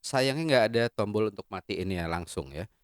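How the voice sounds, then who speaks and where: A man's voice: lowish voice, lively intonation, a little fast, loud music behind the voice. Joking man reviewing audio gear. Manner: playful, joking, chatty. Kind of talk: casual product review.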